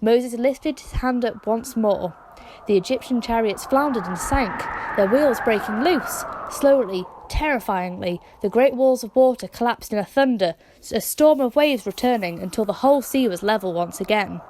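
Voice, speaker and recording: A woman narrating a children's Bible story with dramatic, expressive delivery. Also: mid-range voice, noisy background.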